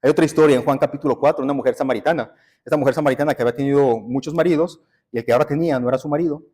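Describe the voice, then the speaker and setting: A man's voice: mid-range voice, very fast, a little mellow, husky. A man, preaching a sermon in a church and telling stories in a conversational way. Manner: conversational storytelling preaching, addresses listeners as brothers. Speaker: pastor. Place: church sanctuary.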